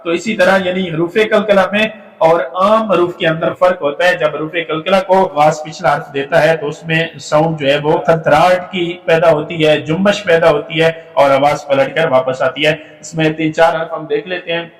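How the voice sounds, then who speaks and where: High-voiced man teaching, echoey room. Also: steady tone, recorded from a distance. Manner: patient explaining with filler pauses and demonstrated syllables. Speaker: Quran recitation teacher. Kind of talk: slide-based tajweed lesson.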